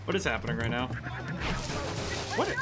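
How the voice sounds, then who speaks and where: A man giving excited, bemused, exclamatory commentary while playing a video game. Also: medium pitch, moderate pace. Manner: exclamatory, reacts aloud with ows and laughs. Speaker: game streamer, game designer. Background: game music.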